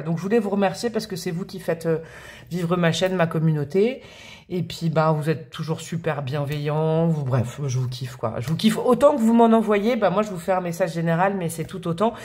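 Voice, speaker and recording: Bubbly french woman chatting through a tarot reading, slangy and warm to her viewers, lots of euhs. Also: lowish voice. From France. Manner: chatty, bubbly, slangy and affectionate, with many fillers. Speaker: tarot reader and channel host. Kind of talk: casual tarot reading to camera.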